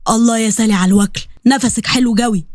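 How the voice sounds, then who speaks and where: A woman's voice: a little high, fairly even intonation, racing, a little mellow, dry recording, clean studio sound, lightly acted. A woman voicing a stern old grandfather from the village who speaks in a rural dialect and gives orders. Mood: pleased.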